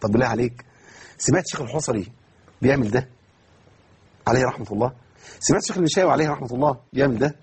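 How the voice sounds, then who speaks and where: A man with an Egyptian accent teaching Quran recitation in an online lesson. He asks himself questions and answers them, and he stretches words out slowly to demonstrate. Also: mid-range voice, darkish tone, a little hiss or hum. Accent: Egyptian Arabic.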